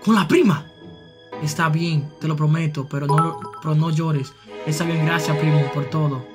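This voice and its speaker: A young man with a Dominican accent, live-streaming and reacting to chat messages, repeating phrases and jumping into high shouts. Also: music in the background. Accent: Dominican Spanish. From Dominican Republic. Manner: excitable, jumps to high shouts and back; repeats phrases in quick bursts.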